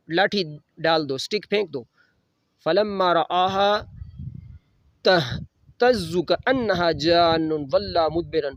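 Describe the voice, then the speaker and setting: High-voiced man teaching a religious lesson. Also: no echo, highs cut off. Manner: recites Arabic verses slowly, then explains them in Urdu. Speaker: Quran teacher. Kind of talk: religious lesson with Arabic recitation and Urdu explanation.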